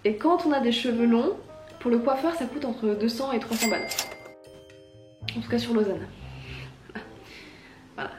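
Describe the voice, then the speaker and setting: High-pitched woman, roomy vlog sound. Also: background noise. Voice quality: rough morning-after voice. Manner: self-mocking, informal, emphatic repetition. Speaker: fitness vlogger and host. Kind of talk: casual chatty vlog talk to camera. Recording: roomy echo.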